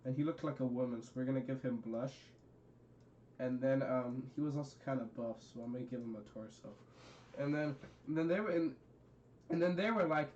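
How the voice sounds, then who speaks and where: A young man recapping a story in a halting, rambling way, full of fillers and silly quoted voices. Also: mid-range voice, darkish tone, a little hiss or hum. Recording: dull lo-fi recording.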